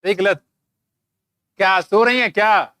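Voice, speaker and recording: This man speaks high-pitched and a bit slowly, with a sharp tone and no room sound. Throat dry from shouting, he teaches a live biology class, calling on students by name to quiz them and scolding them jokingly.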